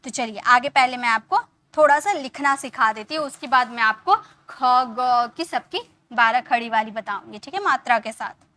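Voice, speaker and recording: A woman gives a classroom lesson in a high, bright voice. She explains patiently step by step, repeats herself, and asks questions she answers herself. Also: moderate pace. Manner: patient, repetitive explaining with many rhetorical questions. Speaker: English teacher.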